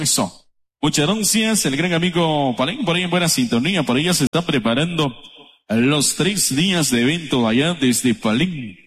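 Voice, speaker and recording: A man from Guatemala hosting live radio and reading out listener greetings one after another in a brisk, repetitive way. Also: fairly high pitch, fairly bright tone. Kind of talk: live radio shout-outs. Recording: long hall reverb.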